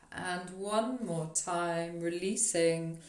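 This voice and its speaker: Guiding a yoga nidra meditation, a woman speaks gently and soothingly at an unhurried pace, leaving long pauses. Her voice is fairly low with some vocal fry, and the recording has a roomy echo plus a little hiss or hum.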